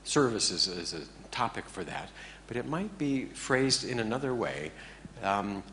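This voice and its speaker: A man teaching a class in a relaxed, joking way, often checking in with his listeners. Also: lowish voice, a little slow, a little hiss or hum. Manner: joking, conversational, keeps checking in with the audience. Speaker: meditation teacher. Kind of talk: informal talk to a class.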